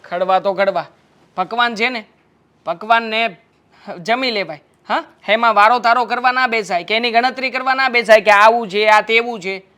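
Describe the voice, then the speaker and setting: A man's voice: high-pitched, normal speed, sharp tone, clean tone. A young man playing a carefree husband, breezy and dismissive in a family drama.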